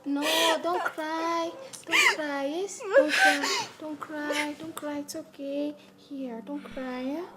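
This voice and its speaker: A woman's voice: very high voice, very animated, takes it slowly, heavily acted. An actress playing a grasping female relative who keeps soothing and asking what she inherits. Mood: wheedling. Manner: repeats herself, soothing yet grasping. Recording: loud background noise.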